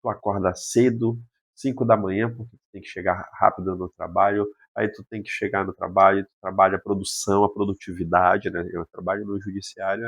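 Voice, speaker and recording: A man's voice: fairly low pitch, gravelly, husky. A man, a psychologist talking casually on a podcast and explaining with rhetorical questions. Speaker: psychologist guest.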